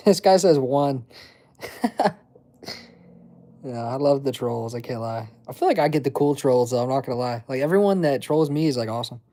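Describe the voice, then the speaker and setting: With a warm tone at medium pitch and a fairly quick pace, a livestreamer in his twenties chats casually with his audience. He goes through the chat and rambles on in filler-laden slang.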